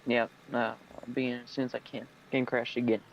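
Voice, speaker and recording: A man's voice: medium pitch, little pitch movement, brisk, slight background noise. A man playing along in a multiplayer game, speaking briefly and politely over voice chat. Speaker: co-player. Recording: muffled lo-fi voice chat.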